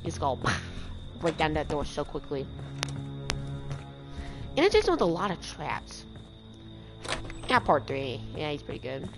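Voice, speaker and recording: A woman's voice: deep voice, very animated, measured pace, long pauses. A young woman giving casual, frustrated commentary over her gameplay, rambling and swearing. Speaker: gamer streamer. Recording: voice over game music.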